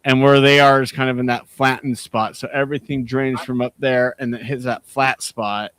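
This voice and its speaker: A man's voice: mid-range voice, flat delivery, normal speed, a bit bright, dry recording. A man chatting casually on a video call, rambling through stories and laughing often.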